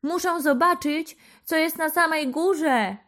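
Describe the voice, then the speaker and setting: A woman doing an eager young boy, high and bright. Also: takes it slowly. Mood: excited. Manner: high, excited.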